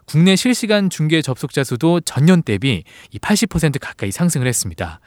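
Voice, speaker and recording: Lively male sports reporter. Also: a little high, a little fast, dry recording, studio quality. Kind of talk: news report conversation.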